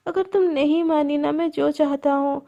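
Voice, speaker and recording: A woman's voice: high voice, steady tone, normal speed, creaky, dark tone, dull audio. A woman voicing a scheming middle-aged father who taunts and mocks his captives. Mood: gloating. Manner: taunting, mocking.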